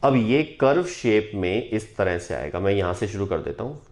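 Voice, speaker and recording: A man with a lowish voice explains a math lesson at a board. He keeps asking the class whether they follow, in an easy, conversational teaching manner. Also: lively intonation, moderate pace, darkish tone. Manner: checks in with students often. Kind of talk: whiteboard lesson.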